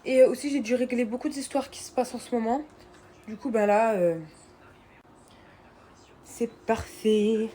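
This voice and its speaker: A woman's voice: on the high side, steady tone, a little slow, long pauses, dark tone, slight background noise. A young woman chatting casually, giving a diary-style update on her day. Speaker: vlogger.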